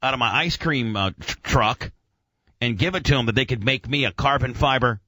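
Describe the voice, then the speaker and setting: A radio show host rambles enthusiastically through a casual motoring chat, full of technical gearhead jargon and mild swearing. His voice is medium-pitched and sharp in tone, at a normal speed, with no room sound.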